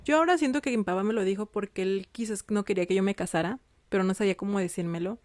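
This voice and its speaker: Young woman vlogging, telling her story to the camera, mid pitch, dry close sound, keeps asking viewers if they get it. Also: fast talker, dry recording. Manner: confiding, often checks in with viewers. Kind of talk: casual personal storytelling.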